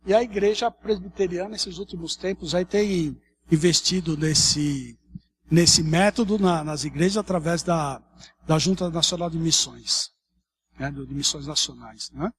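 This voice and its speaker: A man's voice: a little high, unhurried. A man from Brazil with a São Paulo accent, a pastor preaching a morning sermon in a chatty way, often tacking questions onto his sentences. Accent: São Paulo Portuguese. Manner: conversational preaching, many tag questions, lively shifts. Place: church hall.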